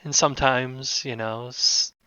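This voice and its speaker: A man voicing a shady male criminal middleman who speaks in measured, vague, noncommittal offers. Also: mid-range voice, steady tone, bright, forceful tone, clear, resonant tone, dry recording, dull audio. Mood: cagey.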